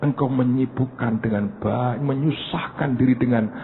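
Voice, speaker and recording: A preacher voicing Jesus as a calm, gently weary man who speaks softly and slowly. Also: close to an everyday voice. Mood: gentle. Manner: soft, low, unhurried, sprinkled with English phrases. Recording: tinny phone-like sound, faint noise.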